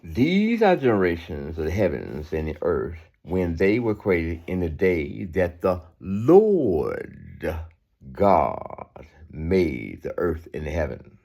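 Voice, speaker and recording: In a deep, creaky, darkish voice whose pitch swoops wildly, a man takes his time reading scripture aloud. He comments like an informal preacher, repeating phrases for emphasis and adding conversational asides that seek agreement.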